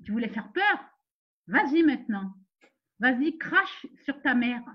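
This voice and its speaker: A woman's voice: sits high, very animated, a little slow, lo-fi sound, exaggerated voice. A woman playing a fierce, protective mother who gives orders and scolds a man in an amateur theatre web series. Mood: scolding. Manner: commanding, scolding, defiant.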